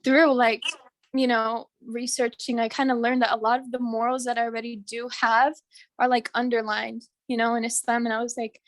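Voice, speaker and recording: A young woman student sharing her personal story on a video call, halting, full of fillers, and emotional. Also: on the high side, no room sound. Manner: halting, heavy on fillers, tearful at moments.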